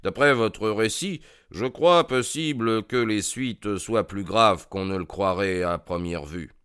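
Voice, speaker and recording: Man doing a brisk amused detective, crisp emphasis, dry close sound, audiobook. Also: medium pitch, expressive, a bit bright, dry recording. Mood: reassuring. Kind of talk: audiobook character voice.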